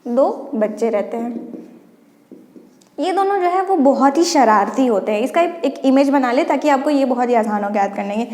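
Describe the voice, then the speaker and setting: A woman's voice: sits high, lively intonation, moderate pace, dark tone. A woman teaching an exam-prep lesson, walking students through a memory trick step by step and often prompting them to look. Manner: explains step by step, often says "dekhiye" to prompt listeners. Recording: echoey room with long reverb.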